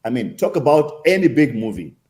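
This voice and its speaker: Kenyan accent guy being interviewed, lively pitch, mellow tone, makes points with questions and repeats. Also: brisk. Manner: emphatic, uses rhetorical questions and repetition. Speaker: interview guest, consul general. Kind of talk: conversational interview answers.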